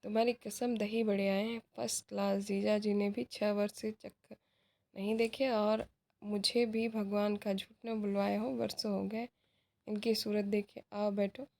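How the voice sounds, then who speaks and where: A woman's voice: medium pitch, level tone, unhurried, creaky, darkish tone. A woman reading as Shripat, cheerful young man. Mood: teasing. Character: cheerful easygoing young man, indulgent uncle. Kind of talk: reading a play aloud.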